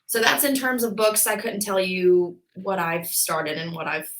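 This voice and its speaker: A woman's voice: on the low side, steady tone, a little slow, low-quality recording. A woman in her twenties, a physical therapist, talking casually as a podcast guest with lots of filler words. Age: 20s. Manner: chatty, frequent "like" and "um" fillers.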